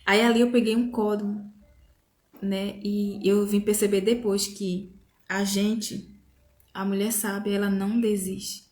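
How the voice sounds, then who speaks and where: A woman giving an emotional devotional testimony, talking softly and haltingly with many pauses. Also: medium pitch, level tone. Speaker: women's devotional speaker. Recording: echoey room.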